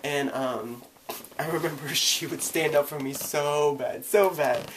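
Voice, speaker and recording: A man's voice: fairly high pitch, measured pace, a bit bright, slight background noise. A young man vlogging, telling a personal story in a casual, chatty way with lots of "like" and "you know".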